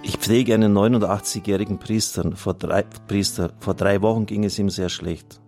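Soft music plays in the background as a male radio host, a priest, reads listener testimonials and asks for support on air. He sounds earnest and plain-spoken, with a fairly low, dark voice, fairly even intonation and a moderate pace.

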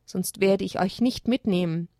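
A woman voicing a wise, calm male owl who speaks thoughtfully. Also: medium pitch, no echo, clean studio sound, lightly acted. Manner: thoughtful, measured.

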